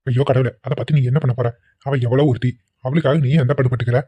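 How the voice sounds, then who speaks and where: A man voicing a cartoon husband and village head, with flat, anxious muttering. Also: medium pitch, fast talker, breathy edge. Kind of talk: cartoon voice acting. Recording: dull lo-fi audio.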